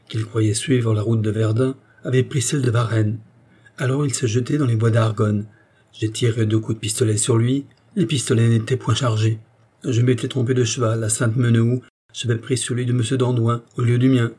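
Brooding aristocratic officer, read by a man, steady and mellow. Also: mid-range voice, slightly rough, lightly acted. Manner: calm, firm and melancholy. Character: grave, brooding nobleman officer, male, middle-aged.

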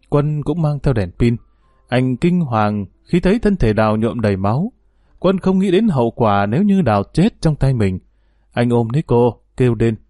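A man reading a dramatic story aloud as a storyteller, in a steady narrating manner. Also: medium pitch, dry recording, studio quality.

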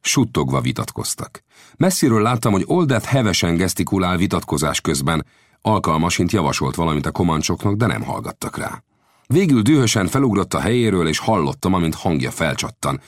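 A man narrating an adventure novel as an audiobook, in lively storytelling that rises with the action. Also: deep voice, no room sound, studio quality.

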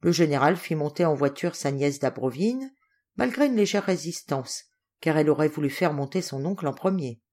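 A woman narrating a classic novel as an audiobook reader, in a calm, even storytelling manner. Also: low voice, normal speed. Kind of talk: scripted narration.

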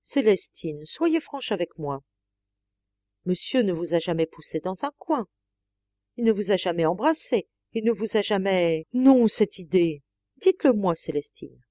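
Woman reading as a weepy abandoned lady, pleading, moaning, swooping pitch, dry close sound. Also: animated, a little slow, warm tone, dry recording, lightly acted. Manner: pleading, moaning, breaking into sobs. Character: lovelorn, tearful wealthy lady of the house. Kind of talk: audiobook character voice.

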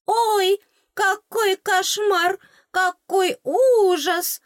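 A pint-sized tooth fairy squeaks and shrills with theatrical outrage, bossing someone around. The voice sits far above a normal speaking voice. The sound is dry and close, with no room around it. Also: female voice, fairly even intonation, extremely slow, dry recording, exaggerated voice. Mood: wailing. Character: tiny squeaky female tooth fairy, bossy and indignant.

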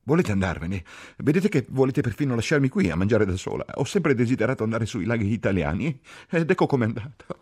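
A man's voice: rumbling low, animated, fairly quick, darkish tone, slightly rough, dry recording, clean studio sound, exaggerated voice. A man voicing a distraught, reproachful woman nurse in an audiobook reading. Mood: tearful, distraught. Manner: reproachful, tearful outbursts.

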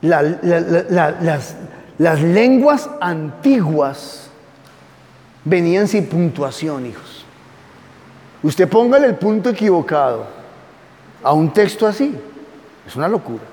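High-voiced man teaching in a reverberant hall. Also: big pitch swings, slow pace, pauses often, darkish tone. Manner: conversational, asks the audience questions; reads aloud from notes and comments. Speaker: Bible teacher. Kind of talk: classroom lecture.

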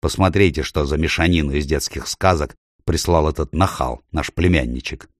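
A man's voice: a bass voice, normal speed, no echo, studio quality. Man doing a blustering, barking usurper king. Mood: scornful. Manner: barking, indignant. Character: blustering angry middle-aged usurper king.

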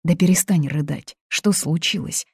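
Lady doing a no-nonsense young woman, low husky voice, flat dry sound. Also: moderate pace, no room sound, heavily acted. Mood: blunt. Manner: blunt, matter-of-fact. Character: young woman friend, blunt, calm, sardonic. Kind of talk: audiobook reading.

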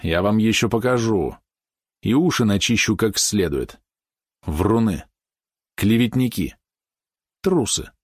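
A man's voice: fairly low pitch, animated, slow, long pauses, husky, dry recording, clean studio sound, full character voice. A man reading aloud, voicing a proud, hot-tempered boy who answers with scorn. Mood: scornful. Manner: sullen, scornful retorts.

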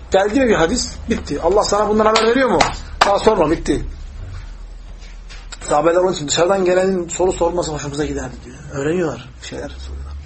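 A male religious teacher giving a hadith lesson, speaking quickly in a high voice. He tells the stories with animation and acts out the people he quotes. A faint hum of room noise sits behind him. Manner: lively storytelling, acting out quoted voices.

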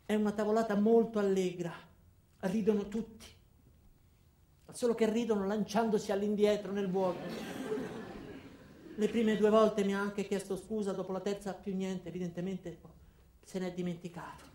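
An actor, serving as narrator and lead, performs a theatrical radio monologue voicing several characters, chiefly an anxious, bewildered ordinary man stammering through an account of his own trial. The mood is uneasy yet wry. His high-pitched, mellow voice is flat and lightly acted, at a normal speed with frequent pauses.

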